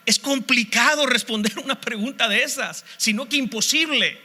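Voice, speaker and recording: A man's voice: extremely high pitch, moderate pace, bright, forceful tone. A man preaching a sermon as pastor, passionately posing one rhetorical question after another.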